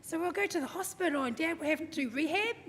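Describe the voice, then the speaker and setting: A woman's voice: very high voice, fast talker, a bit bright. A woman, giving a chatty, humorous eulogy for her father and acting out what he said. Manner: chatty, humorous storytelling, acts out quotes. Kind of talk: eulogy at a family service. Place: large hall at a memorial service. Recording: echoey hall, faint background noise.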